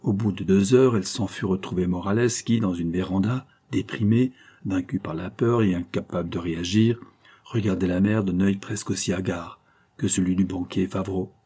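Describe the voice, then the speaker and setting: A male audiobook narrator reads a classic novel in a measured, dramatic way. His voice is lowish, dark and mellow, with a husky, slightly raspy texture. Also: fairly even intonation. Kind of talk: scripted literary narration.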